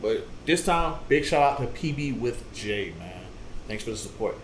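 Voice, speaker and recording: A man's voice: medium pitch, lively intonation, normal speed, reverberant, a little hiss or hum, poor audio. A man hosting a reaction channel in easygoing casual chat, thanking supporters.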